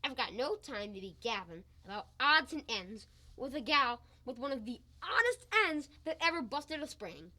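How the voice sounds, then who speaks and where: A boastful, blustering husband in an old-time radio comedy, played by a young actress. He brags and bickers in a bright, lively voice that leaps up in pitch whenever he gets excited. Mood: bickering. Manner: loud, exclamatory, quick to boast and bicker. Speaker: school radio play actor.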